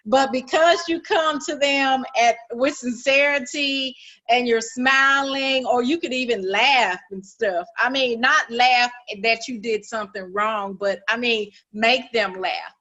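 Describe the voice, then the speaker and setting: A woman's voice: fairly high pitch, fairly even intonation, a little slow, pushed and bright, dull audio. A woman hosting an interview, agreeing with her guest and building on her points with everyday examples. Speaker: interview host. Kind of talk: conversational interview.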